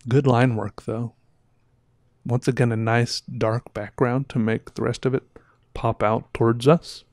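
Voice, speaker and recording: A man in his thirties with a slightly sore throat rambles casually through a livestream, reviewing viewer art and interrupting himself in a chatty way. His medium-pitched, somewhat dark voice stays fairly flat and unhurried. He uses a headset boom mic in a small room, and the sound is studio quality with no room sound.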